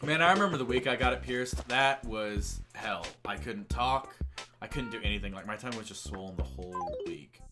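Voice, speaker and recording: Speaking in a brisk, mid-range voice, a young man streaming a game talks around his tongue piercing. He rambles casually, stumbles over words, and makes self-deprecating remarks while loud music plays in the background.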